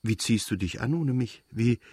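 A man's voice: mid-range voice, lively intonation, moderate pace, slightly rough, no echo, clean studio sound. A man reading a tearful tender mother. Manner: soft, choked, tearful speech. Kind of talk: audiobook reading.

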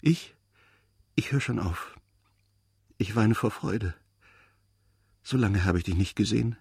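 A man voicing an adult mother, speaking softly and haltingly through tears in a storybook reading. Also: fairly low pitch, vocal fry, slightly rough, dry recording, studio quality, full character voice. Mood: tearful tender. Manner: soft, tearful, halting. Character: grieving loving mother, adult woman.

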